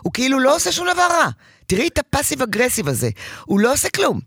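Lively higher-voiced woman giving parenting advice, dry close sound, super expressive. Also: slightly rough, no room sound. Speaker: parenting counselor. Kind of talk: advice session.

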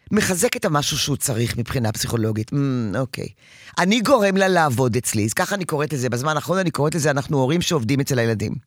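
A woman counseling a parent in an emphatic, animated advice session. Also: low-pitched, no room sound, studio quality.

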